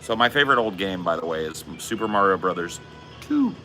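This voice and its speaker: A man's voice: sits low, expressive, fairly quick, bright, forceful tone, faint music behind. A man in his forties chatting casually on a live stream, laid-back and slangy, swearing often. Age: 40s. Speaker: streamer reading chat.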